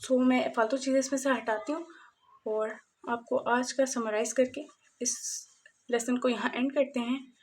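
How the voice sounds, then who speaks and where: A woman teaching a casual beginner language lesson, slowly repeating each sound as she writes it. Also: high voice, steady tone, a little mellow. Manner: slow, repetitive drilling of sounds while writing. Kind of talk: casual spoken lesson, mixing Hindi-Urdu and English.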